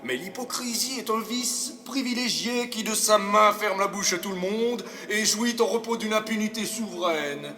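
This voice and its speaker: Man playing bright, high-voiced swaggering seducer Dom Juan. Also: normal speed, hardly any pauses. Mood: cynical, scornful. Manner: grandiloquent, theatrical, swooping between loud boasts and hushed asides. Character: cynical, swaggering aristocratic seducer and libertine hypocrite. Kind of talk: classical French theatre monologue. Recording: echoey, reverberant hall.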